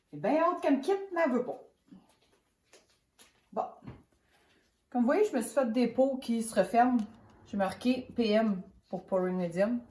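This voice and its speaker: Casting: Quebec woman, soft mellow tone, chatty hands-on craft tutorial host with a cold, roomy echoing sound. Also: mid-range voice. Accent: Quebec French. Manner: chatty, rambling, hesitant thinking aloud. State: has a cold. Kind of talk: casual hands-on painting tutorial.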